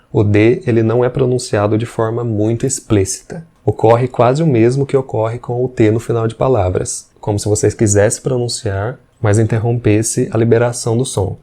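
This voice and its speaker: A man teaching English. His voice is low and mellow. He explains patiently and repeats examples slowly. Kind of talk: explanatory language lesson.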